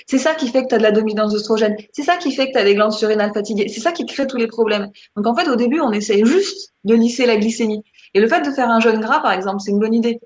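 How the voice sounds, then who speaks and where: Woman, French accent, enthusiastic guest, slightly high voice, echoey room. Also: slight background noise. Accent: French from France. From France. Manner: enthusiastic, stumbling repeats. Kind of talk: interview conversation.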